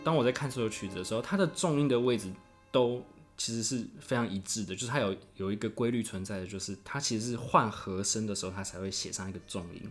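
A man who plays cello talks through a piece of music, thoughtful and unhurried, with small restarts. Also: lowish voice. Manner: thoughtful, explains slowly with restarts. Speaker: cellist guest. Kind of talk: casual music discussion.

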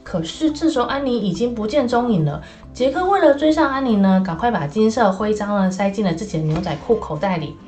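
A woman reads a children's adventure story aloud. Her telling is lively and animated, with casual fillers between phrases. Soft music plays faintly behind her. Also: mid-range voice, fairly quick. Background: soft background music.

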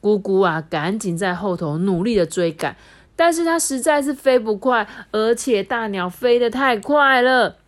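A mother with a Taiwanese Mandarin accent reading a storybook aloud to her child, lively and chatty. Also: mid-range voice, moderate pace.

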